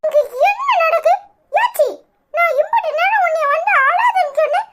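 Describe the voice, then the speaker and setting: A performer doing a squeaky cheeky cartoon boy. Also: lively intonation, normal speed, fairly bright tone. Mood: teasing. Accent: Tirunelveli Tamil. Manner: teasing, mischievous. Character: cheeky young grandson, playful and teasing. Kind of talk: cartoon voice acting.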